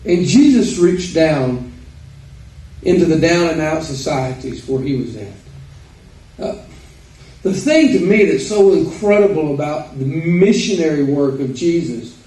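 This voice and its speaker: A man with an Arkansas accent giving an informal, folksy sermon with halting pauses. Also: high-pitched, mellow. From Arkansas, United States. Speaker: preacher. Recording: roomy echo, distant microphone.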